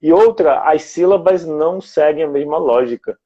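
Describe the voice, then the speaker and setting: A man from Brazil talks as a guest in an easygoing chat, laying out his points one step at a time. His voice sits a bit high for a man yet sounds mellow and soft-edged. The recording is dull and lo-fi. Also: moderate pace, husky. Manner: reflective, explains step by step. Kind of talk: casual conversation.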